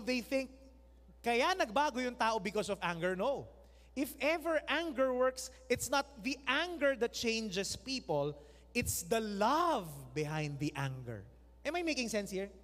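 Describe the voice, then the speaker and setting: A man's voice: very high-pitched, fairly bright tone. A Filipino man in his thirties preaching a sermon, joking and acting out the voices of family members as he talks. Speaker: pastor. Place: large church hall. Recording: long hall reverb.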